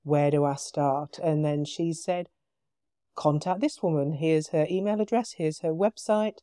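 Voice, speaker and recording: British woman, low pitch, animated storyteller, casual podcast guest, dry sound. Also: a little slow, dry recording. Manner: animated retelling with quoted dialogue, frequent laughs.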